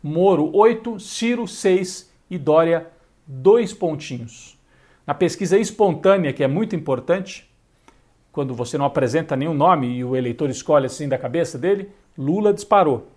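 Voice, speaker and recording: A man's voice: a little high, expressive, moderate pace, a little mellow. A Brazilian man with a Brazilian Portuguese accent giving opinionated political news commentary, with sardonic asides.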